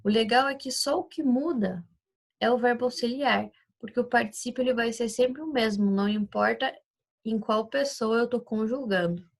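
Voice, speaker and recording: A woman's voice: a little high, normal speed, vocal fry. A woman teaching Spanish in a recorded class lesson, explaining patiently and checking often that the students follow along. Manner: explains patiently, checks understanding with tag questions.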